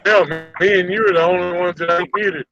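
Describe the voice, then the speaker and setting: Man, bright forceful voice, joking drawl, dull lo-fi mic. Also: high-pitched, steady tone, a little fast, soft background music. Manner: drawling, joking, greets viewers. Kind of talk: casual livestream chat.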